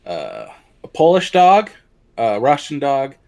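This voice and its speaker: A man's voice: medium pitch, huge pitch swings, slow, vocal fry, darkish tone. A man co-hosting a casual podcast chat, swearing freely and retelling jokes. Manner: loose, profane, joking. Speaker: podcast co-host.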